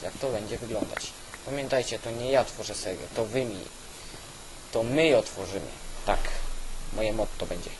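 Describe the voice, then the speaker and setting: A man giving casual, halting gameplay commentary, thinking aloud as host on an old weak microphone. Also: mid-range voice. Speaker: gaming video host. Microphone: old cheap weak microphone. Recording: constant hiss from weak microphone.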